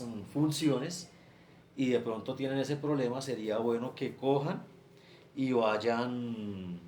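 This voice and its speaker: In a screen-share class lecture, a male teacher with a medium-pitched, darkish voice explains things step by step to his students, circling through many filler examples. The room is reverberant, with a faint ambient hiss underneath.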